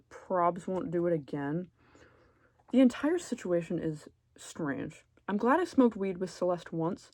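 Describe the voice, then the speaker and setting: A woman with a low voice talks through casual ranking commentary, sarcastic and deadpan but expressive. The sound is close and dry, with no room around it. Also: no echo. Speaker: video creator.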